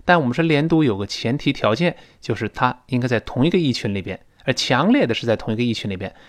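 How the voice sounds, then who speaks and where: A man with a Mandarin Chinese accent teaching a spoken English lesson, patiently explaining and slowly modelling phrases for students to repeat. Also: mid-range voice, expressive.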